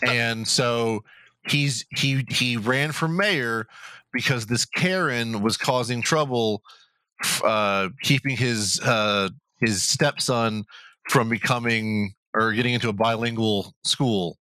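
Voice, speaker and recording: A man co-hosting a casual podcast, rambling through a story with lots of restarts and cheerful profanity. His voice is bright and forward, and the sound is dry and close with no room in it. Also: medium pitch, slow pace, clean tone, no echo. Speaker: podcast co-host. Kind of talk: casual chat.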